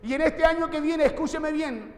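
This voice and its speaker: High-voiced preacher in an echoey hall. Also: male voice, normal speed. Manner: preaching with rhetorical questions to the congregation. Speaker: pastor. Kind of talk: sermon. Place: church hall.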